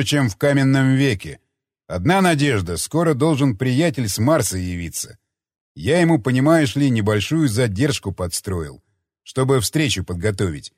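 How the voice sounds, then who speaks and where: A man's voice: medium pitch, darkish tone, slightly rough, no room sound, clean studio sound. A man voicing a cowardly, scheming sergeant who whines and pleads. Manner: whining, pleading. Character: cowardly scheming male soldier, whining.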